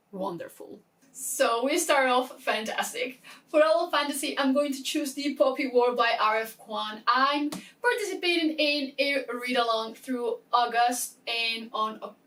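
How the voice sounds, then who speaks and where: A woman with a high, fairly bright voice talks a little slowly. She's a book vlogger chatting casually as she explains a reading game, keeping it informal and breaking in on herself with small asides.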